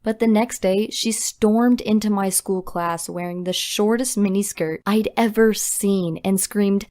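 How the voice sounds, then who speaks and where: A young woman narrating a scripted storytime confession in a brisk, dramatic way. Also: mid-range voice, darkish tone.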